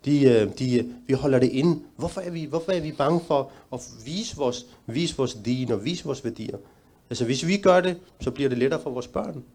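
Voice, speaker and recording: A middle-aged man answering a question at a talk, earnest and measured, sometimes restarting a sentence. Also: medium pitch, mellow. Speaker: panel speaker.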